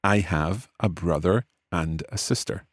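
A man with a low voice speaks slowly through an English lesson on family vocabulary, explaining with patience and repeating every word for the learner. The studio-quality recording has no echo.

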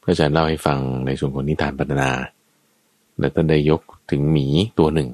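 A man's voice: extremely low pitch, level tone, a little fast, a little mellow, no room sound. A man teaching Buddhist ethics in a conversational way, going point by point with everyday examples. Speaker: dharma teacher.

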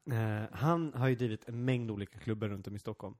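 A man's voice: lowish voice, a little mellow. En man, komiker, som pratar avslappnat i ett samtal, inflikar korta kommentarer och skrattar gärna. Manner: reacts with short interjections, breaks into laughter. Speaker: stand-up comedian, podcast co-host. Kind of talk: casual chat.

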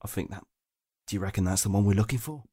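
A man's voice: on the low side, fast, warm tone, breathy edge. A man playing a tabletop role-playing game in a casual, playful way, half acting out his character.

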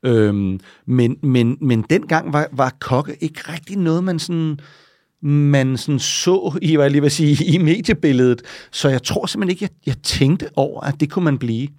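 A man's voice: on the high side, darkish tone, no echo, clean studio sound. A man talking casually as an interview guest, rambling and often checking in with little tag questions and restarts.

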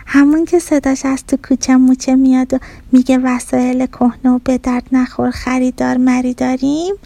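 A woman voicing a kitchen stove, a gentle friend who frets and calls out anxiously. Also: high voice, flat delivery, gravelly, no room sound. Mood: worried. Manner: anxious, urgent calling.

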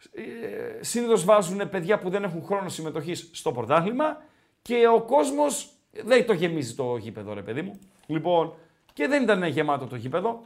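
A man hosting a casual football chat show, animated, reading out viewer messages and often repeating his phrases. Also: high voice. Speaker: podcast host.

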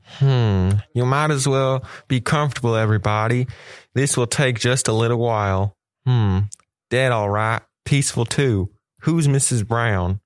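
A man playing a matter-of-fact police sergeant in an old-time radio-style drama, speaking deliberately. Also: mid-range voice, no room sound, clean studio sound, lightly acted. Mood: brisk. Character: gruff male police homicide sergeant, blunt. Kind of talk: 1940s radio drama acting.

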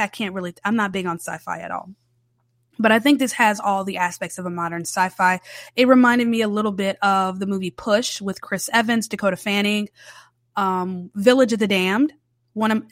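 A woman reviews films in a standard American accent with Southern roots. Her delivery is conversational and emphatic, often doubling back on a word to stress it. Her mid-pitched voice sounds close and dry, with very little room around it. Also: dry recording. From southern United States. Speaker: film reviewer. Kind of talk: casual, conversational movie review.

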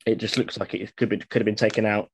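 A man's voice: on the low side, level tone, fast, gravelly, a little hiss or hum. A man, a reenactor guest on a podcast, talking enthusiastically in a rambling way with many fillers. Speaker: guest, living history reenactor. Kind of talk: casual podcast chat.

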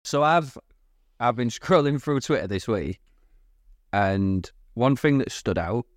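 Speaking slowly in an animated, mid-range voice, this podcast co-host chats casually, rambling, laughing a lot, and leaving sentences unfinished. His podcast mic gives a clean studio sound with no echo.

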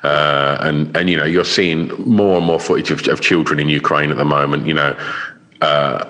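A man in a casual interview, speaking haltingly and stammering over his words as a guest. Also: a bass voice, fairly even intonation, pushed and bright. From Essex, England. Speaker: interview guest, charity fundraiser. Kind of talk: casual chat.

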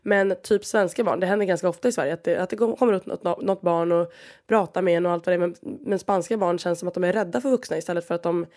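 A woman's voice: on the low side, steady tone, a little mellow. A young woman in her twenties from Sweden hosting a casual solo podcast, frank and exasperated, swearing often and restarting her sentences. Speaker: podcast host.

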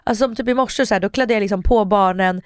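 A woman's voice: medium pitch, clean tone, no room sound, clean studio sound. A woman co-hosting a podcast, chatty and telling everyday stories. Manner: chatty storyteller, raises voice sharply when quoting herself. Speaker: podcast co-host. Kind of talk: casual chat.

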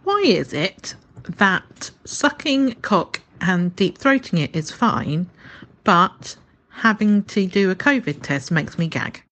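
Female caller, casual and comic, very slow pace, slight noise behind. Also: lowish voice, sing-song, a bit bright. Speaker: listener leaving a voice message.

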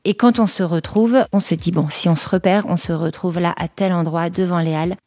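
Warm-voiced woman telling her story. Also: fairly low pitch, steady tone, no room sound, studio quality. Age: 40s. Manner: chatty, halting, frequent fillers and restarts. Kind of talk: personal testimony storytelling.

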